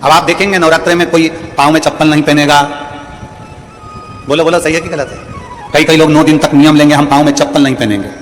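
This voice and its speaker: A man's voice: on the high side, flat delivery, brisk, long pauses, fairly bright tone. A man from India preaching a devotional sermon, impassioned and rhetorical, repeating his phrases and calling out to the crowd. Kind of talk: devotional sermon with sung verses. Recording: echoey hall with long reverb and music.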